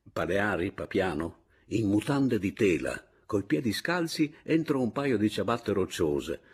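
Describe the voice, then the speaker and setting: Husky-voiced man narrating a novel. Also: on the low side. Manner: expressive, measured first-person storytelling. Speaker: audiobook narrator. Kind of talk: literary audiobook narration.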